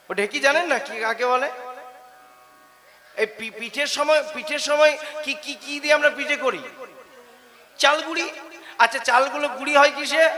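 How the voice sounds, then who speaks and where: A man telling a devotional story as a kirtan singer, asking his listeners questions and calling them mother. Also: very high voice. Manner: acts out the figures' voices with shouts and cries. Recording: loud instrumental music behind.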